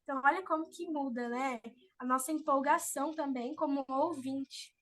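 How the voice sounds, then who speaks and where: Bright high-voiced woman lecturing. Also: normal speed. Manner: expressive, acts out quoted voices. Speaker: speaker giving an online talk on public speaking. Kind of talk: informal online lecture.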